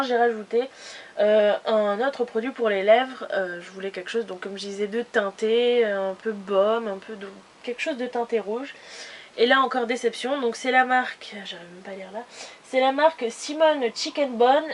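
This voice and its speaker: A woman's voice: fairly high pitch, a little hiss or hum. Chatty French-speaking woman vlogger. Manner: chatty, rambling, many fillers and restarts. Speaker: beauty vlogger. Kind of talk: casual haul video chat.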